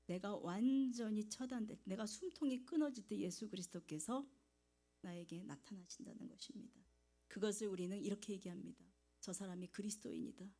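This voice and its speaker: Korean woman preaching, mellow and warm. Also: medium pitch. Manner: storytelling, with pauses and hushed asides. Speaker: evangelist preacher. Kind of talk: sermon with personal testimony. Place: church sanctuary.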